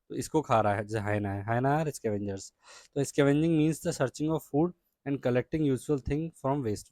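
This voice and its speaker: A man with an Indian accent teaching a science lesson to children, reading English lines slowly and then explaining them in Hindi, checking in often with "ठीक है?". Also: mid-range voice, darkish tone, no echo.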